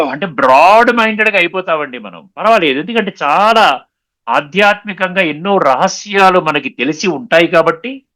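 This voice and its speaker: A man giving a spiritual discourse, explaining patiently, slowing down on key sayings and often checking that listeners understood. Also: high voice, sharp tone. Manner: mixes English words into his talk; repeats and slows down on key sayings. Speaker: spiritual lecturer.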